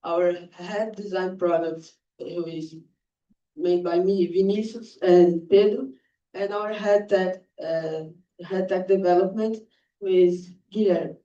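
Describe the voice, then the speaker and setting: A man presents his startup team slowly and haltingly, his tone mellow and dark. The sound is dull and lo-fi, with roomy echo. He is picked up from far away. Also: high-pitched, fairly even intonation. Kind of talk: pitch presentation. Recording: dull echoey room, distant mic.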